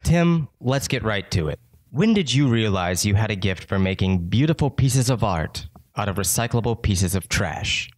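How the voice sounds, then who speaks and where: A man hosting a comedic radio interview, deadpan, with dry, formal phrasing. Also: on the low side, moderate pace, no room sound. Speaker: radio host.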